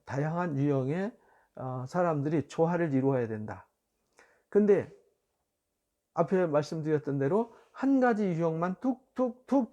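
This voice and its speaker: A pastor gives a church teaching session in a mellow voice that sits a little high for a man. He explains patiently, filling pauses with short hums and soft chuckles. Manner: explanatory, with frequent fillers and light laughs. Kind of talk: church education lecture.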